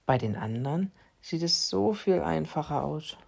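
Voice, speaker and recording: A man's voice: fairly high pitch, expressive, moderate pace, vocal fry, a little mellow, husky, exaggerated voice. A man voicing a cheeky, greedy male house cat who grumbles to himself in a bedtime story. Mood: grumbling.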